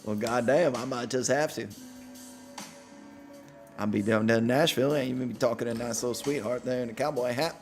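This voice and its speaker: A man's voice: mid-range voice, steady tone, fairly quick, pauses often, faint music behind, lightly acted. A man doing a put-on Southern accent as a boozy good ol' boy, stretching his vowels and swearing in a folksy way. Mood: rowdy.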